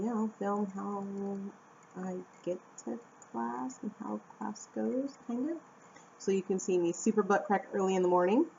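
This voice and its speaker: A young American woman from Arizona chatting casually to camera at home, animated and talkative. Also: medium pitch. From Phoenix, Arizona, USA. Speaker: vlogger and English teacher. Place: at home indoors. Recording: dull lo-fi camera audio with faint room noise.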